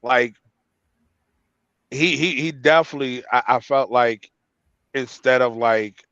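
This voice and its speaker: A man's voice: medium pitch, a little slow, a bit bright, dry recording. A man arguing in a casual sports debate, stumbling and repeating words as he builds his point. The sound is dry and dull, with no room at all. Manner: hesitant, repeats words as he argues. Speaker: sports talk co-host.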